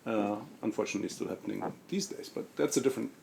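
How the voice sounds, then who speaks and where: A man's voice: fairly low pitch, very fast, creaky, darkish tone, a little hiss or hum. Rambling man telling anecdotes on a panel. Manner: rambling, with frequent restarts and repeated words. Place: conference panel.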